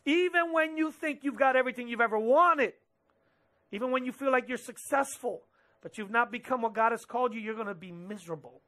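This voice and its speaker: Pastor, man in his thirties: high, bright, sermon delivery on a headset mic, animated with quoted asides. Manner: animated, gesturing preacher with quick quoted asides. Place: church stage with drum kit behind, indoors.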